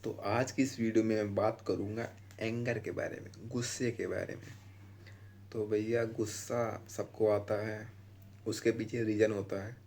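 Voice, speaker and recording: Young dude rambling on his vlog, kinda low voice, trips over words and keeps going. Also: flat delivery, normal speed, a little mellow, a little hiss or hum. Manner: rambling, informal, with restarts. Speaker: vlogger. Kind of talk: casual advice vlog.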